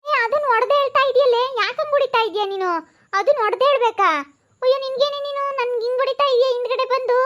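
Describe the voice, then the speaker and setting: A woman playing a frightened, indignant village housewife who scolds in shrill complaints, with a rural central Karnataka accent in a village comedy skit. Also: quick pace, a bit bright, lo-fi sound. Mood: scolding. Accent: rural central Karnataka Kannada.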